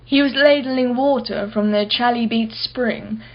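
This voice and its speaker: In a radio play, an actress portrays an imperious, wealthy businesswoman, guarded and impatient, whose speech is clipped and formal. Her voice is on the high side and measured in pace, carrying a wistful, reflective mood. The audio sounds dull.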